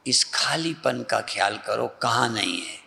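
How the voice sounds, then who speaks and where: A male spiritual teacher from North India giving a slow, repetitive meditative discourse that guides the listener's mind. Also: medium pitch, lively intonation, creaky, bright, forceful tone, long reverb tail, a little hiss or hum. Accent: Hindi, North Indian.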